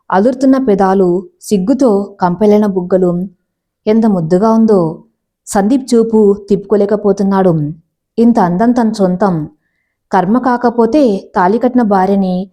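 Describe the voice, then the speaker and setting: Lady reading out a family drama story, steady, warm mellow voice. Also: mid-range voice. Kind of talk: scripted story narration.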